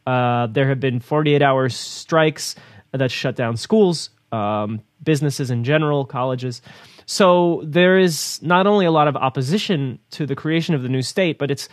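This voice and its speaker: A man's voice: medium pitch, normal speed, dry recording, clean studio sound. A man co-hosting a news talk program, rambling casually with repeated words and easy laughs.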